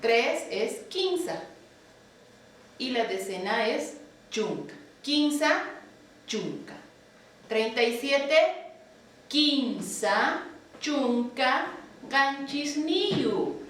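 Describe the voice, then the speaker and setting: A woman teaching a language lesson, drilling numbers slowly and patiently and checking in with her students. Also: fairly high pitch, lively intonation, fairly bright tone. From Bolivia. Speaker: Quechua teacher. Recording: roomy, echoey, distant from the mic with faint ambient noise.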